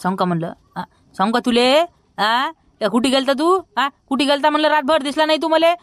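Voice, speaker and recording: A man's voice: extremely high pitch, dry recording. A man with a Vidarbha Marathi accent playing a broke village man who scolds everyone in a rustic comedy sketch. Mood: scolding. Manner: scolding, rapid and loud.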